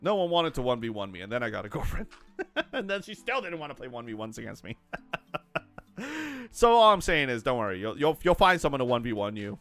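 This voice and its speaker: A young man chatting casually on a live stream while gaming, excitable and rambling, laughing often. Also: medium pitch, a little fast, soft background music.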